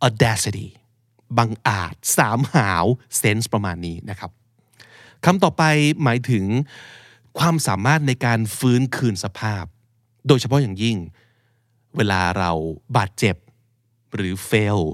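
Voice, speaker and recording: A man's voice: fairly low pitch, lively intonation, dry recording. Dry-voiced man teaching English word stress. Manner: explains slowly, drills English words, quizzes listeners on syllable stress. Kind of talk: podcast vocabulary lesson.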